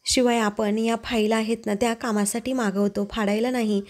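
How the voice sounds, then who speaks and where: A sulky young wife scolds and teases in turn, as a woman reads her lines in a recap. Fairly high voice, soft and warm in tone. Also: level tone, normal speed, close to an everyday voice. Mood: reproachful. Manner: reproachful, coy.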